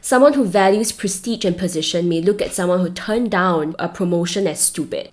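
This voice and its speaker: A woman with a Singaporean accent and a voice a little lower than most women's. She delivers scripted advice as a host, speaking straight to the listener and stressing her points. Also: darkish tone. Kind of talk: scripted advice talk to camera.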